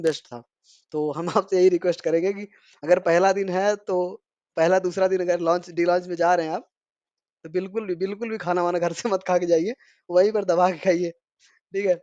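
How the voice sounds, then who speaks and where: A man's voice: on the high side, darkish tone, no echo. A young man from India casually recounting his day in a vlog, chatty and rambling with fillers. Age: young adult. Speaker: vlogger.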